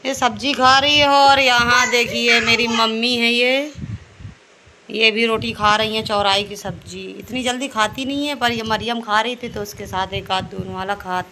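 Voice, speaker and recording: A woman's voice: fairly high pitch, fairly even intonation, moderate pace, background noise. A woman filming a casual family vlog at home on her phone, chatting to viewers while looking after her children. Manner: chatty, addresses viewers as guys while tending to kids. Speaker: vlogger and mother. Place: home, indoors.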